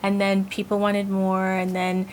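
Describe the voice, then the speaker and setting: A woman born in Haiti and raised in Brooklyn, a linguist speaking calmly and articulately as a guest on a TV show. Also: medium pitch, unhurried, slight background noise. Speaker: linguist and institute director, guest. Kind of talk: TV interview.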